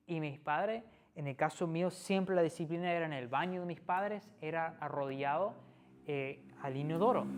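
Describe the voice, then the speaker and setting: A man preaching in a conversational sermon, often checking in with the listener through tag questions and pausing with fillers. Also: a little high. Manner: frequent tag questions, hesitant fillers and restarts.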